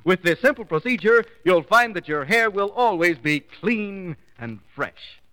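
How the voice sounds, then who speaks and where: A male announcer on an old 1940s radio broadcast, his voice high and sharply bright. He gives a formal, emphatic sales pitch, and a long hall-like reverb hangs around every phrase. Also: expressive, measured pace. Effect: old 1940s radio broadcast recording.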